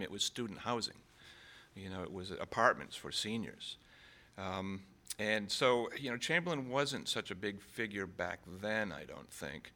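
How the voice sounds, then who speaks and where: Bright-voiced author from Maine, hesitant. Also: male voice, lowish voice. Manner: hesitant, many fillers and restarts. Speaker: author, guest. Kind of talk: conversational interview.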